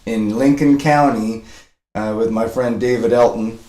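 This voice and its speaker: A man's voice: medium pitch, fairly even intonation, measured pace, warm tone, roomy sound. A man talking casually on a live stream, cooing over a puppy and rambling with fillers, a bit sniffly. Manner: coos and baby-talks to a puppy. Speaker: dog rescuer live-streaming.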